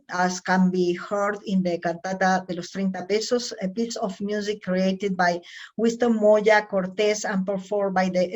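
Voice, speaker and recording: Woman, reading her conference talk slow and careful, lots of uh's and restarts. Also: medium pitch, a little mellow. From Chile. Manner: careful, measured, with frequent fillers and self-corrections. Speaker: academic researcher. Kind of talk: recorded conference presentation.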